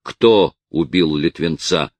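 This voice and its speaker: A man's voice: extremely low pitch, slow, no room sound, exaggerated voice. A man voicing an angry, defiant young male vigilante who argues in a heated, raised voice.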